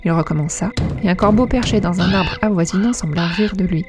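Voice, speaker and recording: A woman narrating a story aloud in an even, dramatic telling. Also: lowish voice, brisk, music in the background. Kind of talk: storybook reading.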